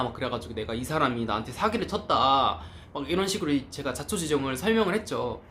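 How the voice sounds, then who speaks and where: A man telling a travel story to camera in a casual, lively way, acting out the lines of the people in it. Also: a little high. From Korea. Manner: animated, acts out quoted lines. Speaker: travel vlogger.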